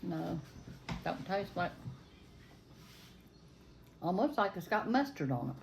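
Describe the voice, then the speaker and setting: A woman's voice: fairly low pitch, sing-song, slow, gravelly. An older woman with a Southern US drawl, speaking in a folksy, plain-spoken way like a home vlogger. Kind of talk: casual chat and spontaneous prayer. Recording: faint background noise.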